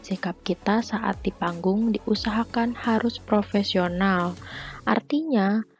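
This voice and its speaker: A young woman student presenting a lesson as a voice-over for slides, reading in a measured way that lists points one by one. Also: mid-range voice, darkish tone, husky. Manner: measured, read-aloud listing. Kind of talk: scripted lesson narration.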